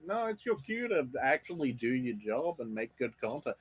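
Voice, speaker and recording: A man with a slightly husky voice ribs his friend over voice chat. He keeps a dry, teasing tone at an ordinary pitch. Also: very animated, normal speed. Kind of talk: casual teasing banter.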